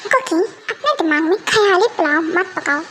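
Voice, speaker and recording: A woman's voice: extremely high pitch, animated, moderate pace, noisy background. A girl doing a cold bossy mafia husband. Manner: curt, commanding, dismissive. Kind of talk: amateur fan dub.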